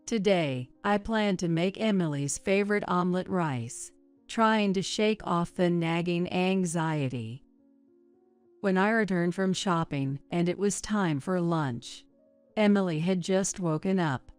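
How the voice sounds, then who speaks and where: A woman narrating a story in a measured, even way. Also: fairly low pitch, smooth, soft background music.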